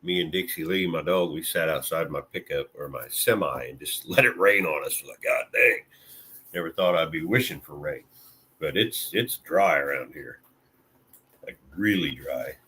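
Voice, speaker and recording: A man's voice: a bass voice, normal speed, bright, forceful tone, husky. A man from Illinois chatting casually with live viewers, laid-back and rambling, with plenty of fillers and mild swearing. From Illinois, USA. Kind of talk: casual live-stream chat.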